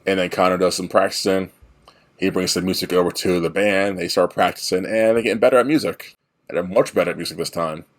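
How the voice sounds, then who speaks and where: On a podcast, a deep-voiced male co-host recaps a movie in a loose, rambling way with a steady tone. Along the way he slips into quick, playful impressions of the characters.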